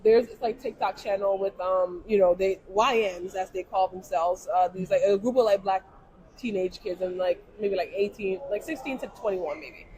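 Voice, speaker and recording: Animated Jamaican-born woman telling stories. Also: medium pitch, normal speed, poor audio. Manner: animated storyteller, heavy use of "like". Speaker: business owner on a panel. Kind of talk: casual panel conversation. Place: trade show event.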